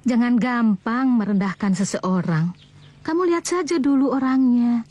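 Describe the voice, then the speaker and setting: A woman's voice: fairly high pitch, expressive, normal speed, dark tone. An insistent traditional mother. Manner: insistent, scolding. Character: devout traditional mother set on matchmaking. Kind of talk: TV drama acting.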